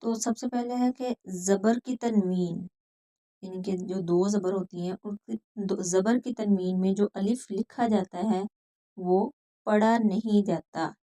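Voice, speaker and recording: A woman with a Pakistani accent teaching Quran reading, explaining each rule step by step and slowly repeating words. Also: medium pitch, steady tone, warm tone. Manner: patient, repeats words slowly and stretches recited sounds. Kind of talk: slow step-by-step lesson.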